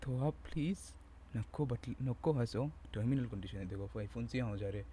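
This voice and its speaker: A man's voice: medium pitch, moderate pace, mellow, a little hiss or hum. A young man, chatting casually to camera at home in a rambling, self-mocking, slangy way. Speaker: vlogger. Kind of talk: casual joking chat to camera.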